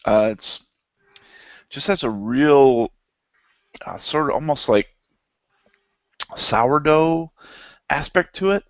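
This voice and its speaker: A man co-hosting a casual beer review show, talking in a relaxed, rambling way with many fillers. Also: medium pitch, slow, long pauses, no room sound, lo-fi sound. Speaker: beer review podcast co-host. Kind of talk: casual beer tasting chat.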